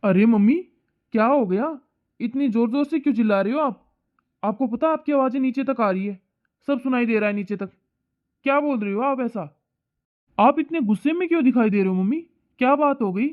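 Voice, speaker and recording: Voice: medium pitch, brisk, natural voice. An actor voicing a young son, tinny sound. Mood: arguing. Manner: pleading, arguing back. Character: young working man, the son, reasonable but stubborn. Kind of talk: cartoon moral story dubbing.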